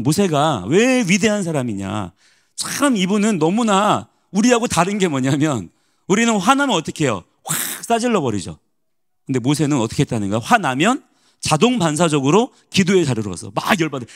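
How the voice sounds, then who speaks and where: A man preaches with a fairly high voice that leaps up and down as he drives his points home. He keeps asking his listeners questions and answers them himself. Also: big pitch swings, moderate pace. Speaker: pastor. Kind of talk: sermon.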